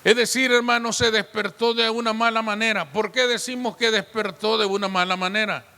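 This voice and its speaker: Male pastor, very high bright voice, preaching with rhetorical questions, church hall reverb. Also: steady tone, fairly quick. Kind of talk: sermon.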